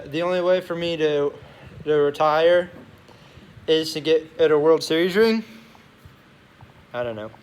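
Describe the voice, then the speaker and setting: A young man chatting casually as a sports vlogger in a locker room, rambling and often correcting himself. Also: on the high side. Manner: halting, rambling, self-correcting. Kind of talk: casual chat to camera. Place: locker room beside a noisy gym. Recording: noisy locker room ambience.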